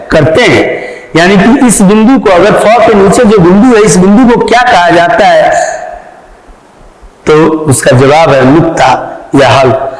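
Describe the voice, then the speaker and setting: Slow-speaking teacher in an echoey hall. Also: male voice, sits high. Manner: explanatory, repeats key terms, addresses students. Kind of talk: Hindi grammar lesson.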